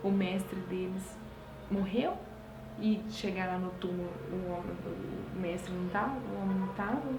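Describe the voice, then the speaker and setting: Woman leading an expressive Bible study. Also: mid-range voice, moderate pace, background noise. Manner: expressive, exclamatory asides to listeners. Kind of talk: devotional Bible reading with commentary. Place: home at night. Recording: roomy, distant mic, faint ambience.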